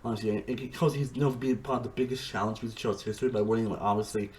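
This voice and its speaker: A man giving a casual, rambling review monologue, excitable, with frequent restarts and swearing. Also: on the low side, rapid-fire, low-quality recording. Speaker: reality TV reviewer.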